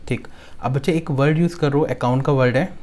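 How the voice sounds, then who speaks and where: Man teaching class, slow rhymes. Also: mid-range voice, fairly even intonation, darkish tone. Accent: Hindi-speaking Delhi. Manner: repeats key lines slowly and asks "clear?" often; makes up a rhyme for students to recite. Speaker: accounts teacher. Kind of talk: classroom lecture to students.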